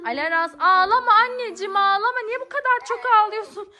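Very high-pitched, bright-voiced exasperated mother. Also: a little fast. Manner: exasperated, fussing, keeps repeating pleas. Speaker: mother in family skit. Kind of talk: acted family comedy skit.

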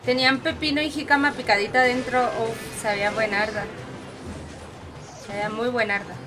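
A young Mexican woman with a Mexican Spanish accent streaming a game, excitable and giggly as she banters with her teammates. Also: a little high, normal speed, over music. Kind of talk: live gaming commentary.

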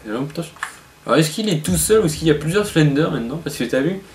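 A man's voice: a little high, lively intonation, fast, echoey room. A young man making casual gameplay chat as co-commentator on a horror game video. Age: young adult. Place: dim room at home. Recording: noisy home recording.

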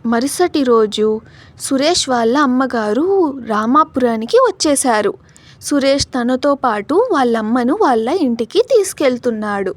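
High-voiced woman narrating a tale. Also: normal speed, no echo. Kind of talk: scripted storytelling narration.

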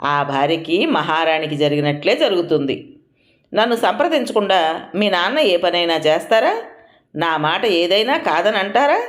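A calm, practical mother with gentle humor, voiced by a female storyteller. She speaks in an even, measured way with a lively, moving pitch.

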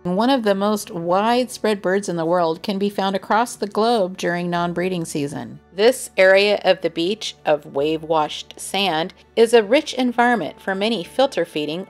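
A woman giving calm, informative scripted narration for a nature vlog, gently enthusiastic as she explains. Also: medium pitch. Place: voice-over, not recorded on the beach.

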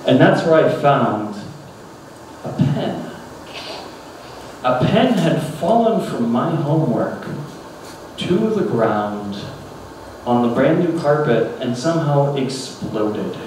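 On a small club stage, a stand-up comedian in his thirties tells a story from his childhood into a handheld mic, his voice medium-pitched and slow. He breaks into animated, ranting bursts whenever he acts out his younger self. A distant camera picks up roomy club sound, with audience laughter and room noise behind him.

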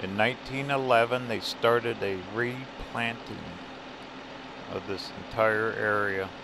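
A man talks his way through a road trip at an unhurried pace, relaxed and chatty, marveling at what he sees. His voice sits on the low side, and steady car and road noise runs clearly behind him outdoors. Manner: relaxed, chatty, easily delighted by the scenery. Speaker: RV travel vlogger. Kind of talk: casual road trip narration. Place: outdoors, driving and at roadside pull-offs in the mountains.

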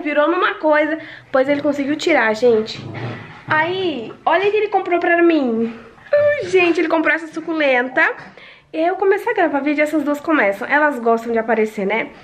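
A woman with a Brazilian Portuguese accent, chatting to camera at home in an affectionate, animated way. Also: high-pitched. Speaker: vlogger. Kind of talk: casual chat to camera.

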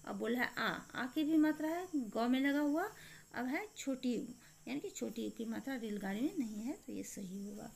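A woman's voice: on the high side, animated, normal speed, creaky, a little mellow, a little hiss or hum. A woman teacher giving a recorded lesson to young children, explaining step by step and asking questions she answers herself. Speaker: primary school teacher.

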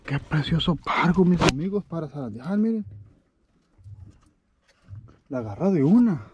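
A man, talking through a fishing trip from a boat outdoors and getting animated when a fish bites. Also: a little high, a little slow, highs cut off, heavy background noise. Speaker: fishing vlogger. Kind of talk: excited fishing commentary.

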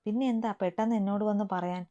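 A woman's voice: medium pitch, steady tone, fast, warm tone, close to an everyday voice. Woman reading as a stern protective older brother. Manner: stern, raises voice in anger. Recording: dull lo-fi recording.

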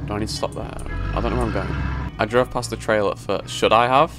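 A young adult gaming YouTuber does horror let's play commentary, swearing, jumping at scares, and reading the game's text aloud. His voice is fairly low, fairly bright, and fast with fairly even intonation, and soft music plays behind him.

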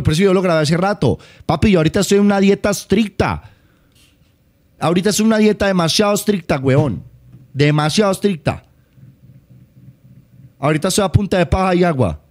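A young man from Colombia with a Paisa accent, chatting excitably on a home live stream, swearing and teasing. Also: high-pitched, a little fast, pauses often. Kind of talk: casual live-stream chat.

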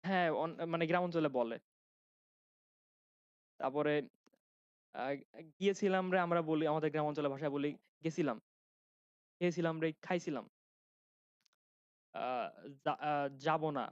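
Chatty young Bangladeshi grammar teacher. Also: male voice, fairly high pitch, steady tone, moderate pace, pauses often, smooth, no echo. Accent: Khulna Bangla. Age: young adult. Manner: chatty, asks students questions, restarts sentences. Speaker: grammar instructor. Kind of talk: casual classroom lecture. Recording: dry, dull lo-fi sound.

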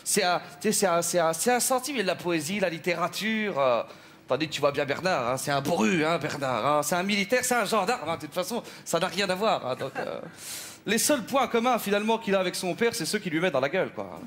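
A man's voice: high voice, animated, fast talker, a bit bright. A man playing a chatty, gossiping middle-aged housewife in a stage comedy sketch, rambling and full of asides. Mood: gossipy.

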